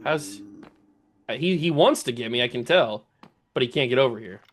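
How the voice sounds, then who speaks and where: A man giving casual commentary while playing a game, thinking aloud, talking to enemies, his voice a little rough and strained. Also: medium pitch, lively intonation, moderate pace. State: voice going, clearing throat. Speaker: let's play gamer.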